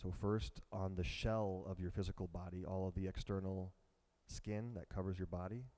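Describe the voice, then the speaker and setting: Low, mellow-voiced man guiding a meditation. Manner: slow, calm and soft-spoken. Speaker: meditation teacher. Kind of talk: guided meditation instruction.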